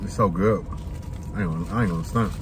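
A man's voice: deep voice, fast, background noise. A man reviewing food in a casual vlog, talking with his mouth full in a laid-back, slangy way.

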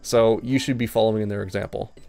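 Gravelly-voiced male gaming coach. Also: fairly low pitch, fairly even intonation, fast talker, darkish tone, faint music behind. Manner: direct, instructive, repeats key points. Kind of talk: coaching session with game review.

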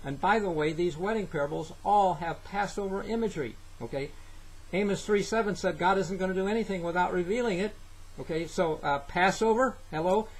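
An older man giving an earnest Bible teaching to a webcam in a small room, halting with fillers. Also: high-pitched, husky, low-quality recording. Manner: earnest, halting, with many fillers and scripture citations. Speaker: preacher. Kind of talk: sermon-style Bible teaching. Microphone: webcam, head-and-shoulders framing.

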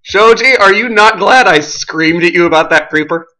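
A high-voiced host playing a game with a friend, chatting excitably, giggling and often shrieking dramatically. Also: moderate pace. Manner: frequent shrieks and screams. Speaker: Let's Play host. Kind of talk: excitable gameplay chat.

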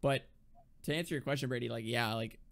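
A man's voice: medium pitch, quick pace, gravelly, a bit bright. A young man co-hosting a podcast, chatting casually in a rambling, self-deprecating way and laughing often. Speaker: podcast co-host. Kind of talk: casual chat.

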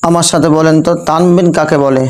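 A young man with a Bangladeshi Bengali accent leads a recitation class in a fairly high voice. He repeats each point over and over and keeps checking in with his students by asking them questions. Crickets chirp faintly behind him. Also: steady tone, quick pace, a little mellow, poor audio. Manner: repetitive, asks students rhetorical questions. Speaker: Quran recitation teacher. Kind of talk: classroom lesson with call-and-response.

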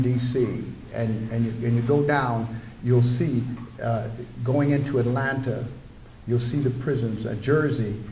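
The older man's mid-range voice takes on a dark tone as he lectures from a wooden podium, weaving personal anecdotes with remarks to the audience. He's a guest lecturer in a roomy lecture room, and there's slight background noise.

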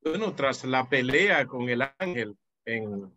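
Guy in an online class answering, sharp voice, sounds muffled and far from the mic. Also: medium pitch, animated, no room sound. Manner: answers from memory, halting restarts. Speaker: class participant.

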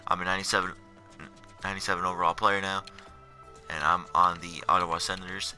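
This seventeen-year-old narrates his career mode in a casual, meandering voice-over on menu screens, tired and awake in the middle of the night. His voice sits low and comes across bright and forceful, with music in the background.

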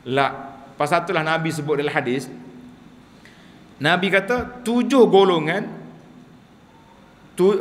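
A man's voice: fairly high pitch, long reverb tail, slight background noise. A man giving a sermon lecture, telling humorous stories and acting out quotes. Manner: humorous storytelling, acts out quotes. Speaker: religious teacher.

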